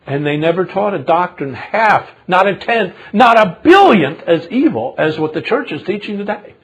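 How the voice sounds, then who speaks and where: A man preaching a sermon with passion, swinging from low murmurs to loud indignant outbursts. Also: sing-song, moderate pace, slightly rough. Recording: 2005 sermon recording.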